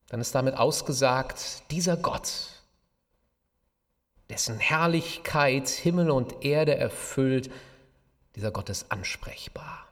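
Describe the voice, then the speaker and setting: A man preaching a sermon as pastor, in a slow, measured delivery with emphatic pauses. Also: on the high side. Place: church. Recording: long church reverb.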